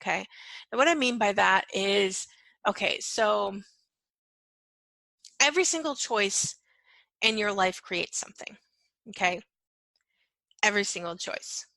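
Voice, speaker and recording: A woman's voice: medium pitch, expressive, measured pace, creaky, pauses often, pushed and bright, no echo. A woman speaking as a spiritual coach, teaching in a conversational way and often checking in with "right?" and "okay?". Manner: soothing, repetitive chanting of phrases, fading to a whisper. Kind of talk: guided clearing meditation and teaching talk.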